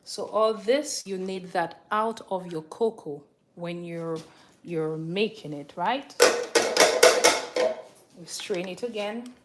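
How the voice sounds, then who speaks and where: A woman's voice: fairly low pitch, slow, noisy background. A woman hosting a casual home cooking demonstration, repeating words for emphasis and checking in with short questions. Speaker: home cooking video host. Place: indoor kitchen. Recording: echoey room with clattering dishes.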